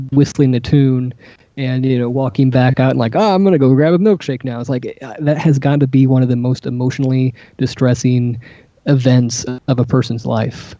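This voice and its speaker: A man co-hosting a casual panel discussion, talking haltingly with many fillers and restarts. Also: medium pitch, mellow, no echo. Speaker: co-host. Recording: dull lo-fi sound.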